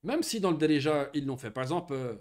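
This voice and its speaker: Lively man teaching Arabic grammar. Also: on the high side, fast talker. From Morocco. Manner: patient, lively explanations with frequent checking questions. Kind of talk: online Arabic grammar lesson for children.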